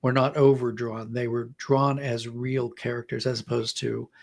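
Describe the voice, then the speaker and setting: There is vocal fry in this man's medium-pitched voice, which moves little in pitch and runs at normal speed. He is a middle-aged or older writer guesting on a podcast, where he discusses literature like a storyteller and dramatizes quotes to illustrate ideas.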